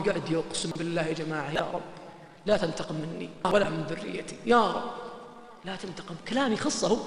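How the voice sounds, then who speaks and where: A man preaching an emotional sermon, dropping to hushed lows and rising to loud, fervent highs. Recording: echoey hall.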